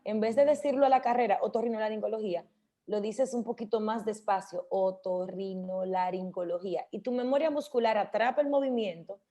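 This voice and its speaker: A woman on a radio show, chatting and explaining how to pronounce hard words, slowing down to demonstrate. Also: on the high side, dark tone. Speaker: radio host. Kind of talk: casual radio talk about speech.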